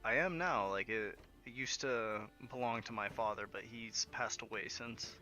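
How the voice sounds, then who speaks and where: A man voicing a weary, resigned woman who keeps an old tavern, speaking pleasantly with hesitant pauses. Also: lowish voice, pushed and bright, faint music behind. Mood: wistful. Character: weary middle-aged woman tavern keeper.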